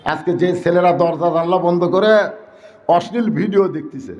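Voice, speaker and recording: A man preaching a sermon, animated and emphatic, breaking into sung verses and jokes. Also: high voice, normal speed, echoey room.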